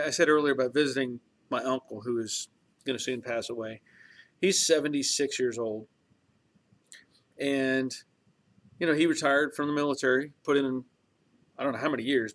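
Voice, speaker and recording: Reading viewer comments on his casual livestream, a man in his early fifties rambles and reflects, with many fillers and restarts. He has a mid-range voice with a fairly bright tone.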